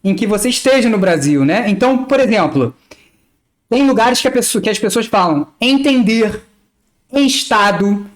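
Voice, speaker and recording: A woman's voice: a little high, expressive, moderate pace. A woman with a Rio de Janeiro accent teaching pronunciation, saying letters and example words one at a time with small laughs. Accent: Rio de Janeiro Portuguese. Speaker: language teacher. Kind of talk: slow, careful pronunciation lesson.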